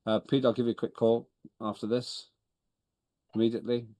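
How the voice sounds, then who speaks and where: A man whose native tongue is Estonian leads an online parliamentary meeting via video call, businesslike and wry, often correcting himself with dry humor. His mid-range, dark-toned voice is flat and brisk, with no room sound.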